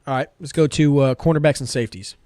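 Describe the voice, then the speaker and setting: A man's voice: fairly high pitch, fast, darkish tone, smooth, no room sound. Upbeat man making confident sports picks. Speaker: podcast co-host. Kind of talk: casual sports podcast chat.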